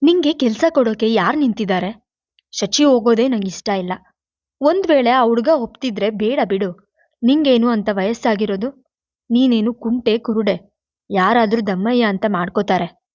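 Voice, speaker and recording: A woman's voice: on the high side, moderate pace, a little mellow, dry recording, lightly acted. Woman voicing a nagging, worried mother. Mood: scolding. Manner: nagging and reproachful. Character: anxious scolding middle-aged mother. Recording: dull lo-fi dry recording.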